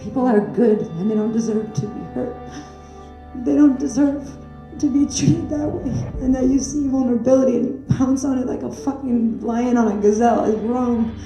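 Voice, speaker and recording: Woman, intense and blunt, swears, dark tone, roomy echo, music under. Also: on the high side, normal speed. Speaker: interviewee. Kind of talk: emotional interview.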